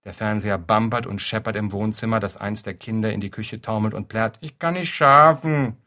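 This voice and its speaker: A man reading a literary story aloud in a dry, deadpan narrating manner. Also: on the low side, fairly quick. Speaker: reader.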